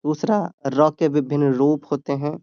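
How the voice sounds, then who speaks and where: A man's voice: a little high, steady tone, unhurried, dark tone, no room sound, highs cut off. A man tutoring students for an exam, explaining grammar step by step and answering his own questions. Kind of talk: exam-prep grammar lesson.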